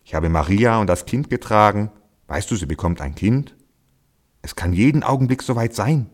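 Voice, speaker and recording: A man voicing an eager, gentle male donkey in a raised, lively voice. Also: on the low side, moderate pace.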